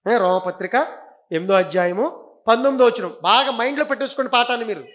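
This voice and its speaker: A middle-aged man preaching a church sermon, repeating phrases emphatically and questioning the congregation, with sudden swings between loud exhortation and quiet low asides. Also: fast.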